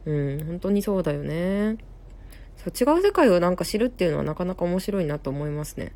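A young woman with a Kansai accent chats through a casual live stream. Her voice sits on the low side and sounds warm and mellow. She talks in a rambling way, with plenty of fillers and quick self-corrections. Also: very animated. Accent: Kansai Japanese. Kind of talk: casual live-stream chat reading viewer comments.

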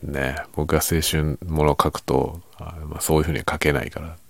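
A man chatting casually and quietly by himself late at night, musing and giving his opinions in a low-key way with softened sentence endings. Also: flat delivery, brisk, vocal fry. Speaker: writer chatting as host.

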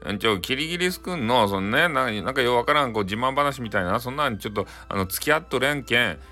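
A man voicing a group of busy, hardworking ants with a brisk, no-nonsense manner and a Hakata accent. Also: mid-range voice, animated, pushed and bright. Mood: impatient. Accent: Hakata dialect.

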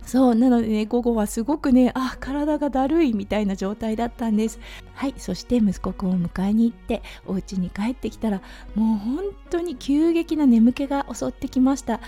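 A woman with a hoarse, slightly raspy voice from overuse, chatting through a casual solo audio diary as a host. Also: a little high, normal speed, warm tone. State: hoarse from overuse, sore throat. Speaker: podcast host, anaesthetic nurse. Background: background music.

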